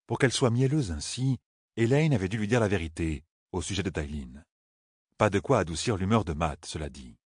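Low husky guy reading a fantasy audiobook, dry close sound. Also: animated, a little fast, no echo. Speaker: audiobook narrator. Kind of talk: scripted narration.

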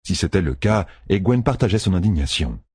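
Low, husky male audiobook narrator. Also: big pitch swings, a little fast, darkish tone, no room sound, studio quality.

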